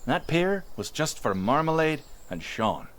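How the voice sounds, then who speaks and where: A voice actor with a fairly high voice and measured pace plays a chatty young villager in a conversational audio roleplay, fondly and reflectively recounting sea monster tales. His witness account is informal, animated and rambling, full of hesitations.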